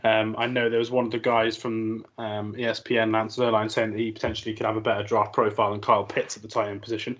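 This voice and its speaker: A man's voice: fairly low pitch, flat delivery, quick pace, hardly any pauses, a bit bright, lo-fi sound. A man hosting a casual sports podcast, chatty and full of fillers as he asks questions. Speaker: podcast host.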